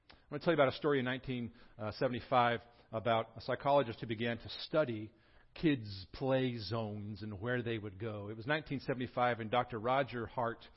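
A pastor in his forties from Southern California, who prays quietly and then preaches in a lively storytelling way with touches of humor. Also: medium pitch, dull audio. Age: 40s. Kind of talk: sermon.

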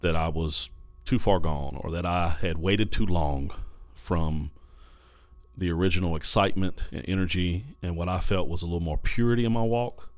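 Deep-voiced pastor telling a candid story. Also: male voice, normal speed, no echo. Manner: candid, animated storyteller who repeats phrases for emphasis. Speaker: pastor and podcast host. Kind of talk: casual podcast storytelling. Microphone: podcast microphone.

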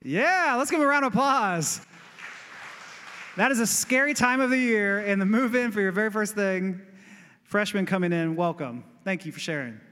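Male pastor, high sharp voice, lively conversational sermon, echoing church sanctuary. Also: moderate pace. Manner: animated, conversational preaching that builds to exclamations. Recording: long reverb of a church hall.

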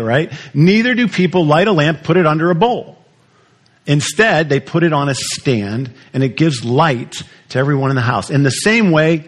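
A man preaches to his congregation, his voice sitting a little high. He keeps it conversational, putting questions to the listeners as he goes. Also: a bit bright. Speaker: pastor. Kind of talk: sermon.

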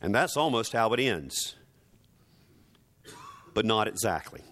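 A man's lowish, animated, fairly bright voice carries a dramatic sermon. Rhetorical and theatrical, he delivers it with emphasis, deliberate repetition for effect, and sardonic asides.

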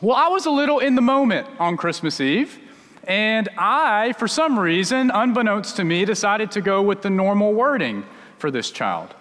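A man's voice: sits high, sing-song, normal speed, a bit bright, big-room sound. A male pastor preaching a sermon, telling a story in a conversational way with frequent restarts.

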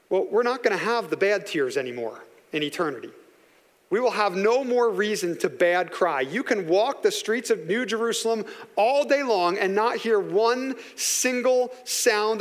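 A man with a high, light voice preaches a sermon, earnest and conversational. He slows right down to lean on his key lines. The sound carries a long reverb, as in a large hall. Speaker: pastor.

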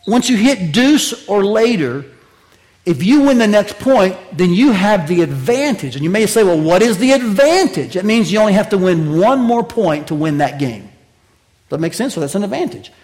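A man with a high voice preaching a sermon in a conversational way, joking with the congregation. He swings from loud, raised lines to quiet, slow asides. Think of a pastor talking straight to his church. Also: very animated. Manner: conversational preaching with wide swings of pitch and loudness; jokes with the congregation.

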